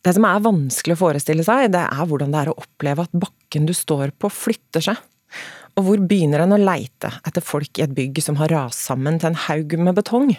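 A woman radio host asking calm, gentle questions and introducing segments. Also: low voice, dry recording, studio quality. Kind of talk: radio interview and program hosting.

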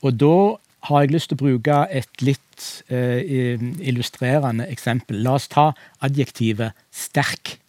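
A man's voice: mid-range voice, hardly any pauses, darkish tone, dry recording. A man, a language expert on a radio talk show, explaining pronunciation methodically with worked examples. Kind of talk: radio discussion.

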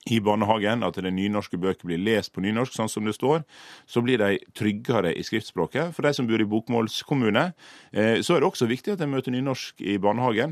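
A man speaks earnestly in a radio interview, explaining his point at length and restarting his sentences now and then. His voice is rather low and sounds dry and close. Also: dry recording. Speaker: leader of a language organisation. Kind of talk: interview answers.

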